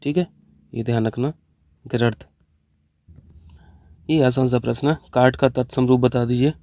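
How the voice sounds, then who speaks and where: This Hindi teacher's voice is mid-range, steady and dark, delivered at a measured pace in a recording without room sound. Running an online exam-prep class, he goes through the answer choices one by one, dropping English terms into his Hindi explanations.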